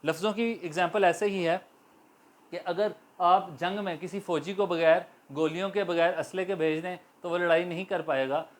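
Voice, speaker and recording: Guy, urdu speaker, teaching english grammar, slow and patient, spells out letters and repeats words. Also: high voice, fairly even intonation. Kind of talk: spoken grammar lecture.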